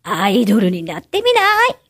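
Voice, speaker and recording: In a crime-prevention radio skit, a woman plays a sly, scheming middle-aged man who lures a child into following him. Her voice is medium-pitched and a little fast, with huge pitch swings and a wheedling, sneaky coaxing manner.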